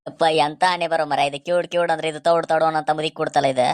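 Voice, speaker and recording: In a comedy skit, a woman with a North Karnataka Kannada accent plays a fed-up, henpecked husband who grumbles and makes threats. Her low voice comes out rapid-fire with fairly even intonation, close to how she'd talk every day.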